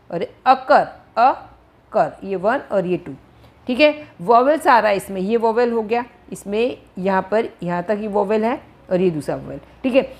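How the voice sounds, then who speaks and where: A woman teaches an English grammar lesson. Her voice sits a little high. She is patient, says every example word several times, and asks her students questions that she answers herself. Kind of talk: Hindi-language grammar lesson.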